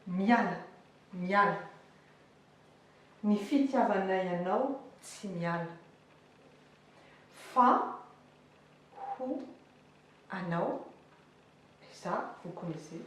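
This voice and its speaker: A woman teaching a language lesson, explaining words slowly with many hesitations and fillers. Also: medium pitch. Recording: echoey room, voice far from mic, faint noise.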